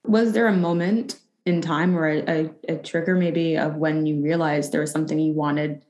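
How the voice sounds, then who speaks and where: A woman interviewer asking gentle, probing questions. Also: sits low, fairly even intonation, moderate pace. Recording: roomy, echoey sound.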